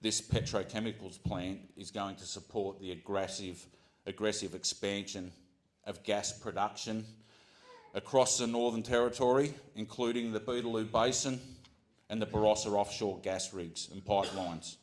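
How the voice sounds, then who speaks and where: Earnest Australian man, low voice. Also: steady tone, moderate pace. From Central Coast of New South Wales, Australia. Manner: earnest, with frequent ums and restarts. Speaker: community speaker. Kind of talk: prepared public speech.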